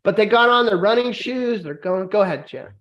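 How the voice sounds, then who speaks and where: A man hosting a podcast. He has been drinking and rants loudly, swearing for comic effect in casual banter. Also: sits high, expressive, brisk, muffled recording. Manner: loud, profane mock-angry ranting. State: drinking, tipsy. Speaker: podcast host.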